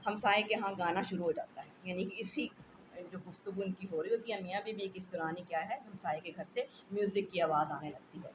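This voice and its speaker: A woman's voice: lowish voice, fairly quick, background noise. A woman teacher with a Pakistani accent, explaining a play line by line for a school lesson. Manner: paraphrasing each line in simpler words.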